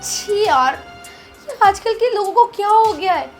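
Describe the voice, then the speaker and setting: A woman's voice: extremely high pitch, animated, a little slow, soft background music, full character voice. A young woman playing a lonely wife who scolds with indignation in a melodramatic short film. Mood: disgusted.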